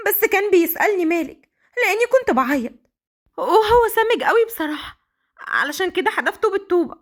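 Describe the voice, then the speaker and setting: A woman voicing a feisty, sharp-tongued young village girl. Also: very high voice, animated, quick pace, pitched above the performer's own voice. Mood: tearful.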